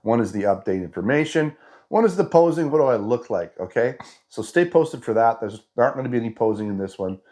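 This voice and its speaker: A fitness vlogger in his fifties gives an update while nursing a head cold, so his voice comes out stuffed up and nasal. His mid-range voice is expressive, quick and warm. He rambles chattily, restarting often and saying "you know" a lot.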